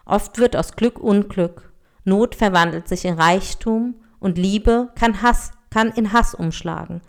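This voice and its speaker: A woman voicing Life, a wandering spirit who heals people and tests them, in a calm, measured storybook reading. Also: medium pitch, creaky. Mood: solemn.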